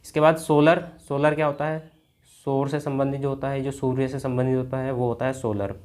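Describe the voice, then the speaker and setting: Male teacher for an exam-prep vocabulary lesson, mid pitch, steady explainer who repeats key words quietly and keeps addressing his students as friends. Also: a little fast.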